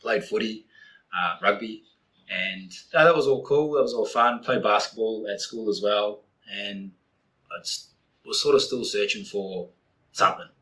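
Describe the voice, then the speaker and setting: A man's voice: on the low side, measured pace, sharp tone, low-quality recording. Blunt New Zealand man, swearing freely. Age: 40s. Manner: blunt, heavy swearing, candid storytelling. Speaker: guest. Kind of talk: casual podcast interview.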